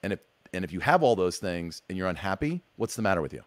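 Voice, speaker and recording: A male podcast host with a very low voice, recorded close and dry with no room sound. He talks in a relaxed, casual way, often stacking short phrases and restarting his sentences. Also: quick pace, dry recording. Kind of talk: casual interview conversation.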